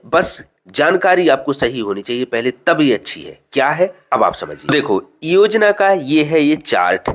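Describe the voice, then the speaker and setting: A man giving a casual spoken tutorial that explains a government scheme, chatty, repeating and rephrasing his points with fillers. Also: medium pitch.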